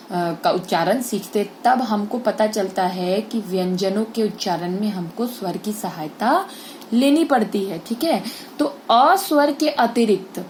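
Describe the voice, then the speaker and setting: Hindi teacher explaining to children. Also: female voice, mid-range voice, darkish tone, slight background noise. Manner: explains step by step and keeps checking with "ठीक है"; drawn-out vowel sounds as she models pronunciation. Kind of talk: classroom grammar lesson for children.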